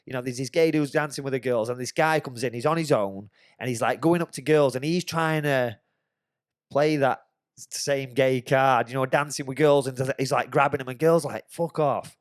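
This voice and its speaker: A man's voice: mid-range voice, normal speed, dry recording, studio quality. A man, telling a swear-filled story on a podcast. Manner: swears freely, animated anecdote telling. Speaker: podcast host. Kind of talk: casual chat, storytelling.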